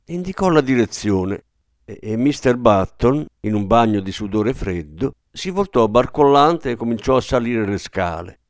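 A man's voice: mid-range voice, expressive, normal speed, no echo. A man narrating a story expressively and performing each character's voice. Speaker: audiobook narrator. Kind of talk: scripted narration. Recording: dry close studio sound.

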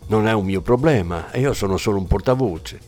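A man's voice: lowish voice, fairly quick, darkish tone, faint music behind, close to an everyday voice. Man doing a curt, irritated desk sergeant. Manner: curt, defensive. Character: irritated male desk sergeant at a police station.

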